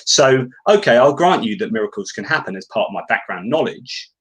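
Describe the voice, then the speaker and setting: A man's voice: mid-range voice, animated, brisk, fairly bright tone, husky. A man who presented a talk, discussing it casually online, hesitant and repeating words as he thinks aloud. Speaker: guest presenter.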